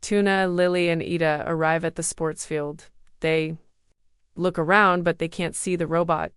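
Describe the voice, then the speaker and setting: A woman reading a storybook aloud for beginner English learners, slow, even and clearly spoken. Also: on the low side, no echo, studio quality. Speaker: storybook narrator.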